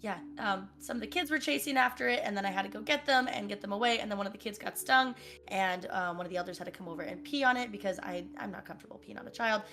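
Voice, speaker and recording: Flustered rambling woman in a tabletop game, a woman puts her on, gravelly edge. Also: medium pitch, sharp tone. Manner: flustered, rambling, talks quickly. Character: frazzled woman running kids' trials. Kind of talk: voicing a character in a tabletop game.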